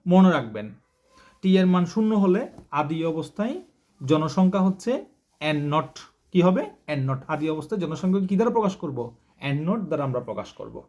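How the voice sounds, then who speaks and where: Higher-pitched man teaching math. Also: big pitch swings, moderate pace, darkish tone, dull audio. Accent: Bangladeshi Bengali. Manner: repetitive, asks the class and answers himself. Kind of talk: recorded math lecture.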